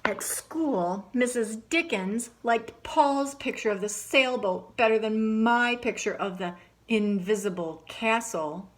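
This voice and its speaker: Reading a picture book aloud, a woman voices a grumpy young boy having a bad day, complaining with emphasis. Her pitch is fairly high, and she speaks slowly with few pauses.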